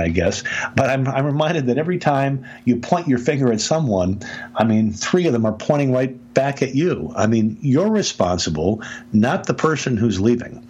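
This man's mid-range voice has a slightly rough edge. Hosting a podcast, the business speaker dispenses advice with animated emphasis in a chatty style, often falling back on "I mean."

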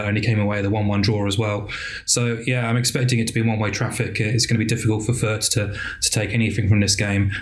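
A man analysing a football match for a betting podcast, measured and repeating words as he builds his points. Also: on the low side. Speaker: football pundit.

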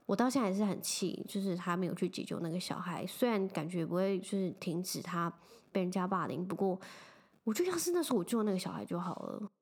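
A woman's voice: lowish voice, quick pace, slightly rough. Chatty young woman telling stories. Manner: chatty, heavy use of filler phrases, animated when retelling. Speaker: podcast host. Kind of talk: casual storytelling chat.

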